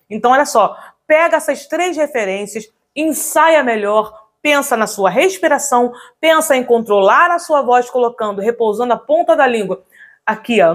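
A woman giving an upbeat online singing lesson as a vocal coach, often checking in with her viewers. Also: high voice.

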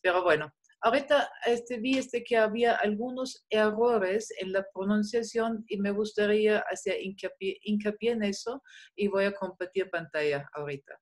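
A woman teaches a class over a video call. Her pitch sits in the middle, and her talk is relaxed and full of fillers. She slows down to model each sound. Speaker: German teacher. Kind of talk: online class.

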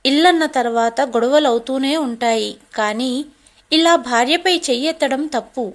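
A woman's voice: high voice, normal speed, lightly acted. A woman voicing a stern, protective elderly father in a storybook drama. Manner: stern, scolding.

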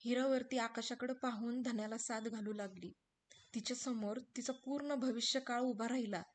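A woman reading a story aloud in a soft, measured narrating voice. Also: fairly high pitch, steady tone.

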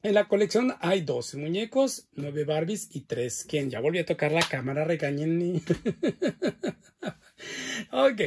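A man's voice: fairly high pitch, expressive, moderate pace, few pauses, background noise. A man chatting to viewers as he shows off his doll collection, full of exclamations. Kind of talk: casual unboxing and show-and-tell.

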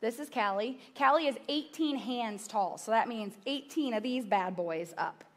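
A woman in her thirties, with a slightly high voice at normal speed, preaches a sermon from a church stage as pastor. She tells personal stories conversationally, tossing asides to the audience.

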